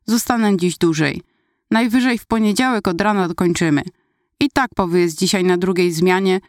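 A woman's voice: lowish voice, no room sound, clean studio sound. A woman reading a first-person story aloud in a conversational, wry storytelling manner. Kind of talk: first-person audiobook narration.

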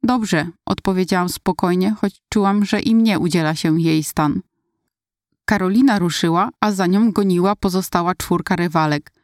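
A woman narrating a first-person story in a steady, inward-looking retelling. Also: on the low side, moderate pace, dry recording, clean studio sound.

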